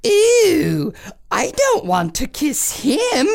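A woman's voice: extremely high pitch, expressive, takes it slowly, darkish tone, voice pushed up, full character voice. A woman voicing a prim, squeamish young lady-in-waiting in a told fairy tale.

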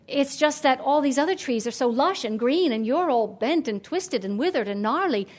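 In a high, lively voice at normal speed, a woman plays a cheerful, kindly young man eager for his journey. She sounds friendly, curious, and emphatic.

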